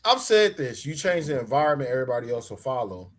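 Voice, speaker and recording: A man on a live panel lays out his argument in a measured, deliberate way. His voice sits at an ordinary middle pitch. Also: sing-song, fairly bright tone. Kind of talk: casual chat.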